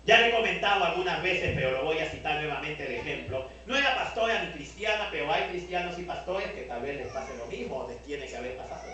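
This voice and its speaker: A man with a Peruvian Spanish accent preaching a lively sermon as pastor, acting out the voices he quotes. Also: a little high. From Peru. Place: large church hall. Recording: echoey hall, mic at a distance.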